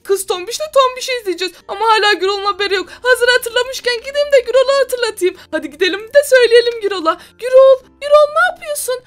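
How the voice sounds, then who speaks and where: A woman's voice: very high voice, fast, few pauses. A young woman hosting a Minecraft role-play, talking dramatically with lots of exclamations. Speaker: YouTuber host.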